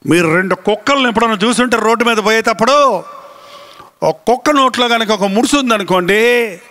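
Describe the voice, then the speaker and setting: Casting note: male pastor, bright and high, animated storyteller who stretches words for emphasis. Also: fairly quick. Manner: animated storytelling, acting out voices and animal sounds. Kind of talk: sermon.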